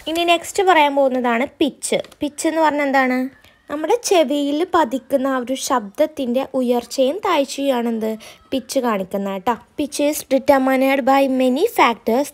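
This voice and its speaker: A young woman tutor with a Kerala accent and a high voice. She reads definitions slowly, one word at a time, then explains them quickly and keeps checking in with the listener through questions. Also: darkish tone. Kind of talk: exam-prep lecture.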